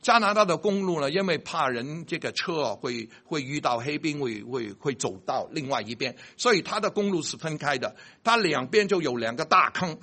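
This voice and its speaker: A man telling a personal faith story about a car accident, checking that listeners follow him and stumbling over words when excited. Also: a little high, normal speed, hardly any pauses, breathy edge. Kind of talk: animated storytelling.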